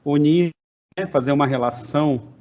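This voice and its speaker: A man's voice: a little high, normal speed, darkish tone, highs cut off. A man taking part in a lecture for educators, explaining ideas in a thoughtful, hedging way. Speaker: participant educator.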